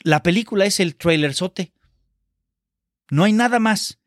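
A man's voice: high-pitched, measured pace, no room sound, studio quality. Exasperated man reviewing a film. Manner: exasperated, sarcastic, colloquial. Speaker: film critic. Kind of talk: casual spoken film review.

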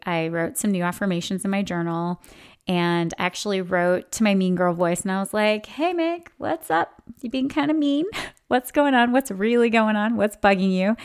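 With a lowish, clear, resonant voice, this middle-aged podcast host reflects candidly in a relaxed, chatty manner. Her speech is dotted with plenty of filler words such as "like" and "you know."

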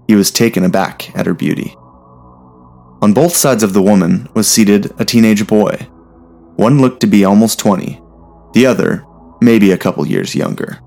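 Low, gravelly male storyteller. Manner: steady, measured reading. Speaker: narrator. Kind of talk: storybook narration.

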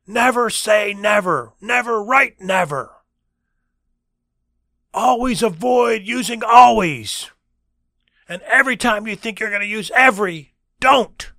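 A man voicing a passionate male English professor of about fifty who proclaims loudly and slowly. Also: high voice, no room sound, clean studio sound, pitched above the performer's own voice, exaggerated voice. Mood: emphatic. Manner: loud, emphatic, drawn-out proclamations.

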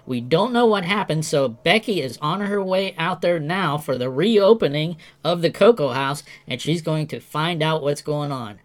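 A man's voice: a little high, expressive, normal speed, hardly any pauses, natural voice. A man playing a folksy news anchor. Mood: announcing. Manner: newsreader cadence with casual asides. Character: male radio news anchor, earnest and folksy.

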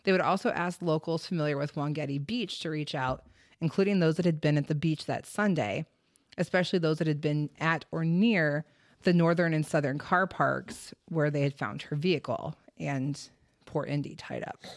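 A low-pitched woman hosts a casual true-crime podcast, reading out case details at a moderate pace. The audio is clean studio sound with no echo, and she occasionally stumbles over place names.

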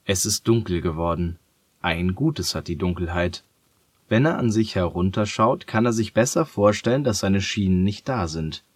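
A man reading a children's story aloud in a calm, gentle and measured way. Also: low-pitched, slightly rough, no room sound.

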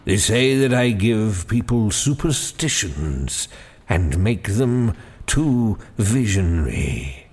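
A man voicing a feeble, dying, very old Father Christmas who talks slowly and wearily. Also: on the low side, full character voice. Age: older. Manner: slow, weary, faint. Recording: long hall reverb.

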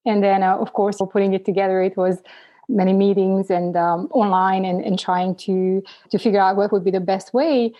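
A woman's voice: mid-range voice, fairly even intonation, normal speed, warm tone, muffled recording. Middle-aged woman physician. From Romania. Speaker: physician guest. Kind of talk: casual interview talk.

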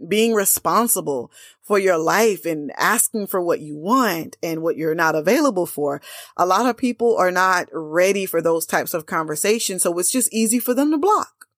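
A woman's voice: on the low side, expressive, normal speed, no echo, clean studio sound. A woman dating coach giving blunt, emphatic advice straight to her viewers, peppered with casual slang and lots of "like" fillers. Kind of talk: direct-to-camera coaching talk.

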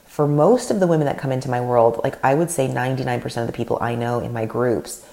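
Speaking at a quick pace, a Canadian woman with Russian as her first language delivers a solo podcast talk as host and leadership coach. Her voice is very low with gravelly fry, and she comes across earnest and animated, rambling and restarting as she goes.

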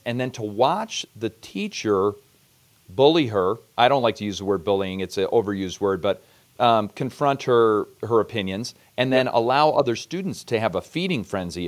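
A man hosting a podcast interview, talking in a reflective, conversational way before asking his guest a question. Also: lowish voice. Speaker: podcast host.

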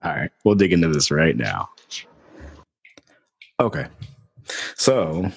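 Man, casual podcast chat, deep voice, raspy, animated storytelling. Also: long reverb tail. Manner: animated, laughing, swearing casually.

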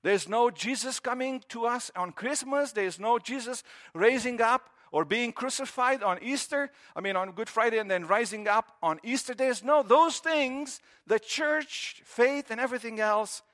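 A man's voice: high-pitched, animated, unhurried, a bit bright. A man, preaching a sermon in an earnest, conversational way with repeated phrases. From Romania. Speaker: pastor.

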